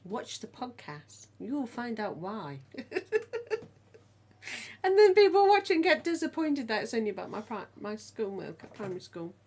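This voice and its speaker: Lively chatty Midlands woman. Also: on the high side, normal speed, slight background noise. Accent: English Midlands. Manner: chatty storyteller, laughs often. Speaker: podcast co-host. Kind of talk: casual family chat.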